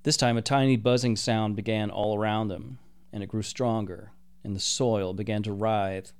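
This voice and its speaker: A man narrating a story in a measured, expressive reading. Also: fairly low pitch, clear, resonant tone.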